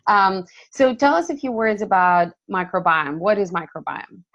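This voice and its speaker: A woman's voice: mid-range voice, expressive, normal speed, fairly bright tone, muffled recording. A woman hosting an interview over a video call, talking hesitantly with restarts and fillers. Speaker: host.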